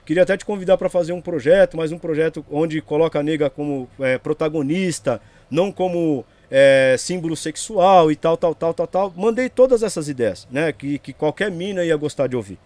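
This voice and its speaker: A man's voice: a little high, moderate pace, few pauses, a little mellow, no echo. A man, telling his side of a story as a guest in a casual interview, rambling along and checking in with the listener. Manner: rambling, tags lines with "entendeu?" and "meu".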